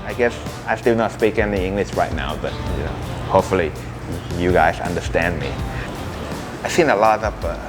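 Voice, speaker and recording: A man's voice: low voice, a little fast, music in the background. Thai-accented man in broken English. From Thailand. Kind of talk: casual chat.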